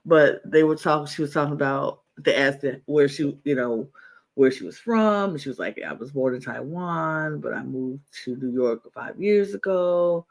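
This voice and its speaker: A man's voice: fairly high pitch, normal speed, creaky. Enthusiastic, rambling male podcast co-host. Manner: enthusiastic, rambling, repeats himself. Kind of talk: casual chat.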